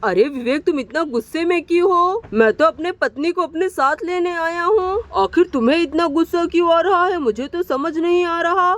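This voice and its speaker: Woman playing a threatening, blustering village bully husband, very high voice, doll story. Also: moderate pace, few pauses, fairly bright tone. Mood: menacing. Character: abusive village husband, man, hot-tempered bully.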